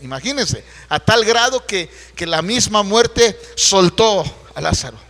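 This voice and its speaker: A man's voice: high voice, lively intonation, unhurried, fairly bright tone, long reverb tail. A man, a pastor preaching a Sunday sermon in a conversational, storytelling way full of rhetorical questions, heard in a church. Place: church sanctuary.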